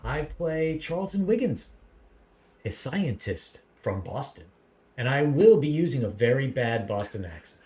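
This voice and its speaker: A man's voice: mid-range voice, measured pace. A man hosting a casual livestream interview, chatting loosely and plugging upcoming shows. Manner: relaxed, chatty, plugs upcoming streams. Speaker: host.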